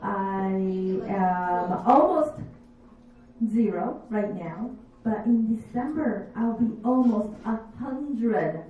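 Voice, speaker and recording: A woman in her fifties, not a native English speaker, doing a stand-up comedy set with slow, deadpan, self-mocking delivery. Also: on the high side, a little hiss or hum. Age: 50s. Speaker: stand-up comic. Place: comedy bar stage. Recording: echoey bar room, distant dull mic.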